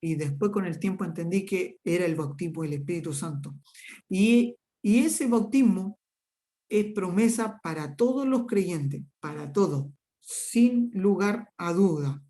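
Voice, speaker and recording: A man's voice: high voice, unhurried, dark tone. A man teaching a Bible lesson and sharing a personal testimony, earnest and emphatic, often repeating words in long runs.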